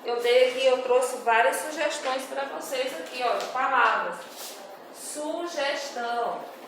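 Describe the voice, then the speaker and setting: Slow, patient teacher in an echoey room. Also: female voice, high-pitched. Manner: slow, patient, reads words out syllable by syllable for young pupils. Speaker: primary school teacher. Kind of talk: recorded homework correction for children. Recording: very echoey room, voice far from the mic, faint noise.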